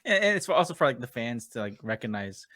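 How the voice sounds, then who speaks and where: A podcast host in a casual interview, halting and repeating words, laughing often as he talks. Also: medium pitch, big pitch swings, a bit bright, dry recording.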